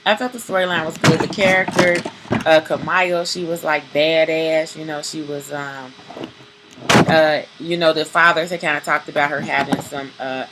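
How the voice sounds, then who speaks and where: A woman's voice: sits low, heavy background noise. A woman giving a casual, rambling spoken review of a comic book, with many fillers and restarts.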